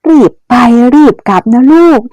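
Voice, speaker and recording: A woman voicing a gentle, worried mother in a Chinese audio novel, pleading and protective. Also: normal speed, no echo, highs cut off, close to an everyday voice.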